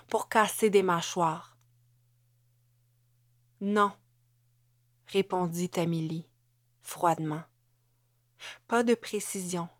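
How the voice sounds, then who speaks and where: A woman narrating an audiobook in a measured way, sometimes sinking to a whisper. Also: mid-range voice, a little mellow, no echo, clean studio sound.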